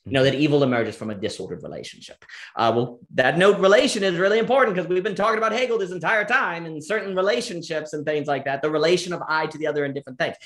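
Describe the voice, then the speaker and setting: Animated man talking ideas in an echoey room. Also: fairly high pitch, quick pace. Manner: animated, thinks aloud with frequent fillers and restarts. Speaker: guest. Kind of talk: casual philosophical conversation. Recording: roomy, echoey room sound.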